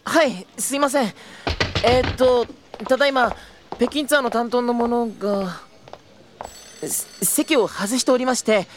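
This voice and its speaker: In an audio drama, a young man in his twenties voices the lead, an earnest trainee tour guide who narrates and answers politely, a bit flustered. His voice is very high and a little slow, with a slight hiss or hum.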